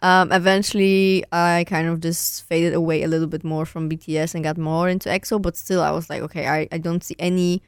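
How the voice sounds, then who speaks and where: A woman guest chatting on a podcast, with a smooth, clear voice a touch lower than usual. Her room sound is dry and close. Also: flat delivery, brisk, few pauses, dry recording. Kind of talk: casual chat. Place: studio.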